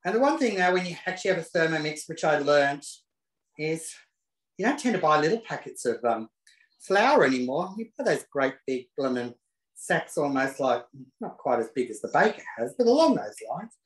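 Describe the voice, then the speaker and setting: Filmed on his own self-positioned camera in an echoey kitchen, this man hosts a relaxed live cooking demonstration. His voice is a little high and sing-song at normal speed, and his manner is camp, talkative and full of cheeky remarks.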